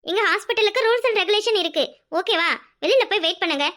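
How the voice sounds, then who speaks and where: A woman's voice: very high voice, fast talker, fairly bright tone. A woman voicing a strict female hospital doctor in a cartoon, scolding and businesslike. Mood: stern. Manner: stern, scolding. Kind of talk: cartoon voice acting.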